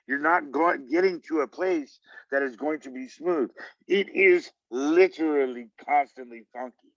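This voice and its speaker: A man's voice: a little high, unhurried, fairly bright tone, no echo. A man hosting a casual conversation, musing in a laid-back way. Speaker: host. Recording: distant, dry, dull lo-fi audio.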